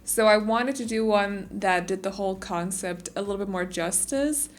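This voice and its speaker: A woman's voice: mid-range voice, moderate pace. A woman, a bit stuffy after losing her voice, chatting casually and rambling through a voice-over for a game build. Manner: chatty, rambling, many fillers. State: stuffy, recovering from lost voice. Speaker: Sims speed build YouTuber.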